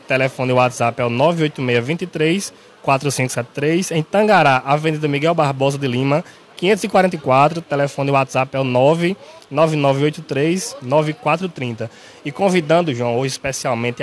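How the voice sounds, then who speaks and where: Speaking into a station's handheld mic that an interviewer holds, a young man who works at the pharmacy pitches products on air from the big, brightly lit store. His Northeast Brazilian accent carries a steady, salesy delivery, and he frequently tags his lines with a quick check.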